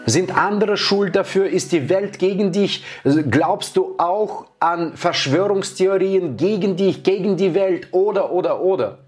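Male life coach, slightly high voice, preachy rhetorical questions, faint background music. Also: unhurried, few pauses, darkish tone. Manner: rhetorical questions, repeats key phrases. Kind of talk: motivational talk.

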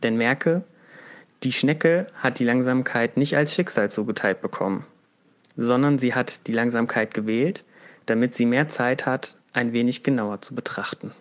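Man calmly reading a fable aloud. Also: medium pitch, moderate pace, muffled recording. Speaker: storyteller.

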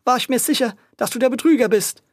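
A storyteller voicing a hot-tempered middle-aged male greengrocer who shouts and rants in a children's audio story. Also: quick pace, dry recording, studio quality, lightly acted. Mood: anxious apology. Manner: shrill, shouting and ranting.

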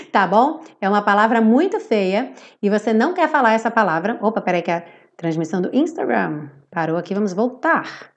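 A woman's voice: fairly high pitch, very animated. Playful Brazilian woman teaching pronunciation. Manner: playful, drawls out words slowly to demonstrate. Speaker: English teacher. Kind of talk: live-streamed pronunciation lesson.

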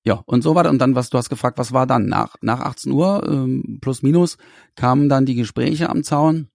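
With a gravelly, mid-range voice at a moderate pace, a musician guest answers an interviewer animatedly, repeatedly restarting sentences while searching for words. The sound is clean and dry, from a studio.

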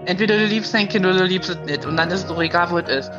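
A woman's voice: fairly low pitch, racing, lo-fi sound, over music. A woman in her fifties calling in, telling a personal story in casual chat with many hesitations. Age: 50s. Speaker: caller.

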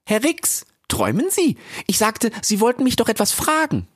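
A man's voice: high-pitched, wildly swooping pitch, moderate pace, slightly rough, dry recording, clean studio sound, voice pushed up, full character voice. A man voicing a polite, prim older female meerkat who lectures courteously, in an audiobook. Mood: gracious. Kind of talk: audiobook character voice.

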